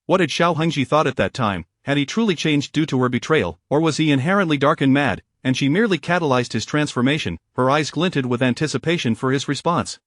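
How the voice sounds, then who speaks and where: A man narrating a story in a steady, even way. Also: a little high, a little fast, hardly any pauses, no room sound, clean studio sound.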